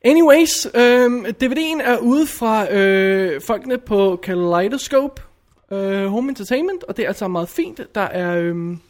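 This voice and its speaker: A man's voice: high-pitched, lively intonation, few pauses. A man reviewing a film in casual chat, blunt and opinionated, often restarting his sentences.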